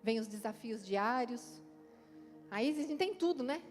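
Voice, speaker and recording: A middle-aged woman pastor from Brazil, preaching at a church conference in a lively, playful way and speaking straight to the congregation. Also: on the high side, unhurried. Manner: lively and playful, acts out quotes, talks straight to the crowd. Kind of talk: conference sermon. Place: church hall, live event. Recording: long hall reverb with faint music.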